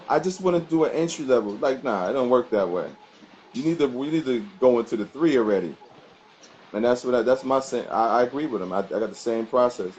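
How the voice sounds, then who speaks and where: A man's voice: mid-range voice, darkish tone. A man answering interview questions casually as a dog trainer, speaking colloquially and emphatically and repeating phrases to make his point. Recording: muffled sound with background noise.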